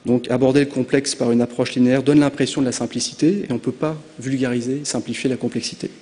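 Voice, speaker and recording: A man's voice: medium pitch, steady tone, quick pace, warm tone. A man from France giving a conference presentation, hesitant with frequent filler sounds. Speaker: conference speaker. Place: conference hall. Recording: long reverb of a hall.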